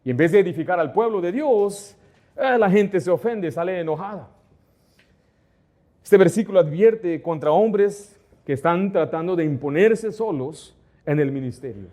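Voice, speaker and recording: A man's voice: sits high, expressive, moderate pace, warm tone. A middle-aged man, a pastor, preaching a sermon, asking his listeners rhetorical questions and acting out the dialogue in his stories. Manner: asks the congregation rhetorical questions; acts out dialogue within anecdotes.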